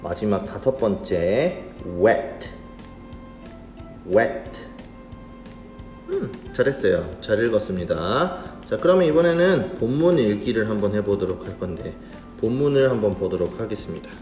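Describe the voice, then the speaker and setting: A man teaching children English phonics in a slow, patient, friendly manner, spelling words out letter by letter. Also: on the low side, expressive, darkish tone. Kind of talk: children's reading lesson. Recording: roomy sound with faint music.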